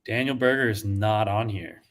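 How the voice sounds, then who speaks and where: A man on a podcast calmly reading out a list in casual chat. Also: fairly low pitch, moderate pace. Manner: matter-of-fact, reads out results.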